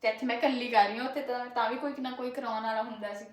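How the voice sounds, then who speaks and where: Young rural Punjabi woman, fast and high-pitched, rambling cooking-vlog chat in an echoey kitchen. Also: steady tone. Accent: rural Malwa Punjabi. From Punjab, India. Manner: chatty, rambling, frequent filler tags. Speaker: cooking vlogger. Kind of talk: casual chat while cooking. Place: home kitchen.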